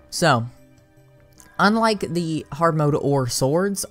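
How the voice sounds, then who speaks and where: A tired video creator rambling casually through a game tier list, full of ums, restarts and sudden bursts of excitement. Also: medium pitch.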